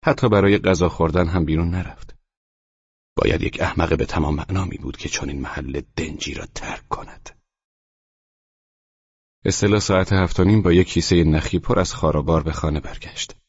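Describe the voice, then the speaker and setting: A man narrating an audiobook in a calm, even reading, in a dull, dry studio recording. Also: sits low, breathy edge, no echo. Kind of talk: scripted narration.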